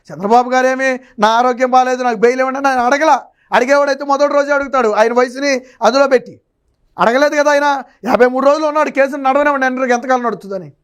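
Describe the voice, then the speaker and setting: A man's voice: very high voice, a bit bright. A man delivering political news commentary, scornful and full of rhetorical questions. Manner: scornful, rhetorical questions, quotes others mockingly.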